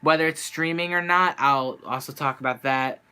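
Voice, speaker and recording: A young man streams from home, his voice bright and clean but worn from an hour of talk. He vents in a frustrated, rambling way, restarting his sentences. He sits a touch high for a man. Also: steady tone, normal speed, clean tone. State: losing his voice. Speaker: sports fan streamer. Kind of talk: venting live-stream monologue. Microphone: handheld camera.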